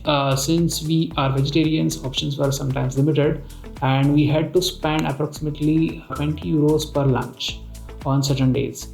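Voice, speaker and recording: Indian accent guy doing a chatty travel vlog voiceover, bit echoey, soft music behind. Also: a little high, creaky. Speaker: travel vlogger, narrator. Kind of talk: casual travel vlog narration. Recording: roomy echo, music bed.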